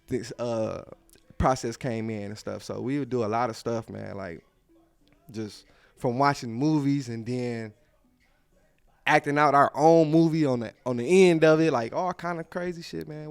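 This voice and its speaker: Laid-back rapper from Pontiac. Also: male voice, medium pitch, clear, resonant tone, dry recording. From Pontiac, Michigan. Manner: laid-back, rambling, slangy, laughs often. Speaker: rapper guest. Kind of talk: casual storytelling interview. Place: clothing store.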